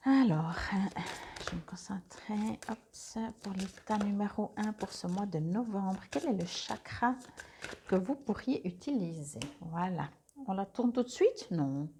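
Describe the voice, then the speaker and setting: A woman's voice: medium pitch, animated, unhurried, warm tone, slight background noise. A woman doing a casual monthly card reading on a clip-on mic, hesitant, with many fillers and restarts. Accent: Swiss French. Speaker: tarot card reader.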